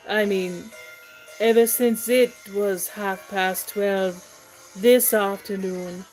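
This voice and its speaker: A woman playing a lovestruck, impulsive young gentleman suitor in a comic stage play, with halting, effusive declamation. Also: mid-range voice, natural voice, poor audio. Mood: flustered.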